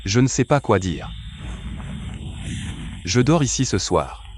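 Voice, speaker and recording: Gentle shy student; mid pitch, plain, a little hesitant. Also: male voice, very animated, slow pace, a little hiss or hum. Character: gentle bright male student, sick and shy. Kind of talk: French dub of a series.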